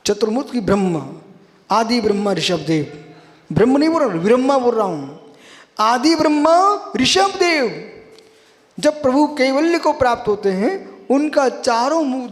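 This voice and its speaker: A man giving a religious sermon, repeating key phrases for emphasis and calling on his listeners as friends. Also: extremely high pitch. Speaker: Jain monk preacher. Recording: long hall reverb.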